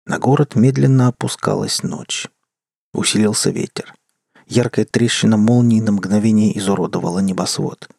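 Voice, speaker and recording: A man reading a story aloud as an audiobook narrator, measured and even. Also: lowish voice, vocal fry, husky, no room sound, studio quality. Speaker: audiobook reader. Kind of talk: scripted narration.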